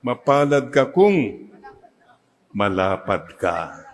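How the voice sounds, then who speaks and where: Filipino priest preaching slow, keeps getting the church to repeat after him. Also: male voice, lowish voice, sing-song, low-quality recording. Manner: mixes Tagalog and English, leads the congregation in call-and-response. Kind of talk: sermon.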